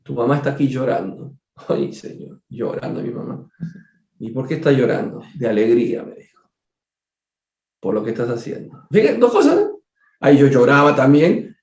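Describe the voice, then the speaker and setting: Male study leader, animated and repetitive, slightly high voice, roomy lo-fi sound. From Peru. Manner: animated, repeats words, jokes and acts out dialogue. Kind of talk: study group talk. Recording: echoey room, dull lo-fi sound.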